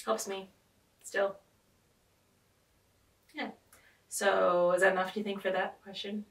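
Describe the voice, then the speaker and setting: A woman's voice: medium pitch, little pitch movement, slow pace, creaky. A woman hosting a casual podcast chat, rambling with lots of fillers and "like". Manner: rambling, filler-heavy, frequent "like". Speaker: podcast host. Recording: roomy, distant mic.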